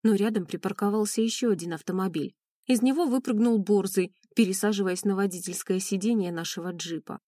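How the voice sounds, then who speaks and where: A woman narrates a first-person audiobook with an emotional, mournful reading. Her voice is mellow and warm, recorded close and dry. She keeps a steady middle pitch. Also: fairly quick, dry recording.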